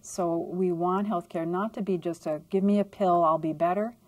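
A woman's voice: fairly low pitch, fairly even intonation, normal speed. A woman in her fifties, a clinic doctor, speaking earnestly in a documentary interview in her office. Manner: earnest, reflective.

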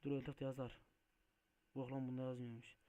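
Excitable man playing a truck game. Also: medium pitch, brisk. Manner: excitable, swears and shouts at mishaps; muttering to himself while driving. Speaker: gaming video host. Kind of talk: Let's Play commentary.

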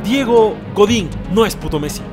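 Young guy streamer, high voice, sarcastic, swears nonstop, says bro a lot, music going behind. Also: lively intonation, moderate pace. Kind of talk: comedic vlog. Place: small streaming room indoors. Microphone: desk boom mic.

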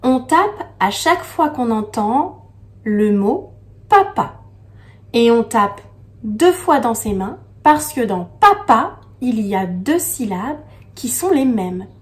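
A kindergarten teacher speaking to young children in a slow, sing-song way, stressing each syllable and reading a poem gently. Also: female voice, fairly high pitch, lively intonation. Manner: reads the poem slowly and gently.

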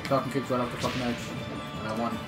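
Brief: young male gamer, mid pitch, offhand, game music in the background. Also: level tone, fast talker. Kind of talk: casual gaming banter. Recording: game music behind voices.

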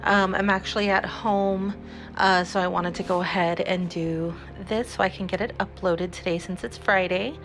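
A young woman talks through a casual home-cleaning voiceover, rambling easily with plenty of fillers and self-corrections. Her pitch sits in a middle range. Background music plays clearly beneath her voice. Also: steady tone, normal speed, a bit bright. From San Antonio, Texas. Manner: rambling, chatty, many fillers and restarts. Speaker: cleaning vlogger.

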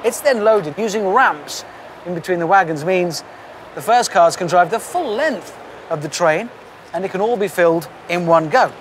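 A man's voice: sits high, normal speed, slight background noise. An English man in his forties presenting on location at a factory, enthusiastic and playful. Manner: enthusiastic, playful, easily excited. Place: outdoors at a rail yard and inside a large factory hall.

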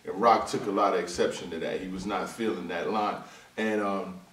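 A man giving a casual, slangy vlog commentary on battle rap, animated and quick to slip into high-pitched mimicry. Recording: roomy echo, voice from a distance.

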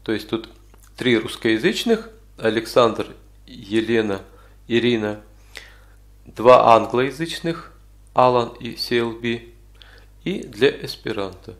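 A man instructing in an informal software walkthrough, explaining step by step with some hesitant pauses. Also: medium pitch, expressive. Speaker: tutorial instructor.

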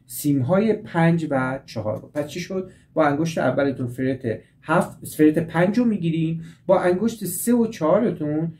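A man with a mellow, somewhat high voice leads a patient guitar lesson on chord shapes. He restates and repeats each step, and guitar playing runs underneath his speech.

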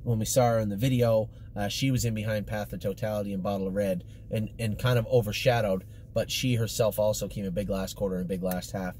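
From the driver's seat, a stable commentator in middle age gives a matter-of-fact horse update in a low, darkish voice. His phrasing is casual and choppy, recorded on a camera or phone held at arm's length, with car background noise clearly audible.

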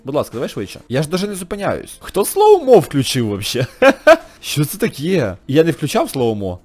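A man hosting a gaming channel, giving chatty let's-play commentary, excitable, laughing often and yelping in high squeals. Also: brisk.

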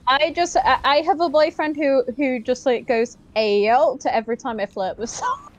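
A woman's voice: high voice, lively intonation, fairly quick, lo-fi sound. A British woman chatting and teasing on a voice call, laughing often. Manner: giggly and teasing. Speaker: voice call guest. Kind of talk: casual chat. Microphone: voice chat microphone.

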